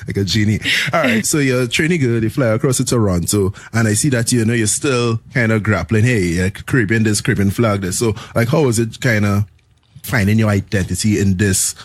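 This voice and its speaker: A man interviewing a guest in a laid-back, casual way, quick to laugh. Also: fairly low pitch, dry recording.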